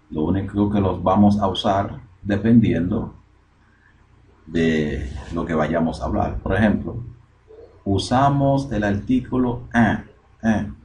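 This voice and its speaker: A man's voice: sits low, darkish tone. A man teaching English in a recorded lesson, explaining step by step and repeating phrases. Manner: slow, repetitive, explaining step by step.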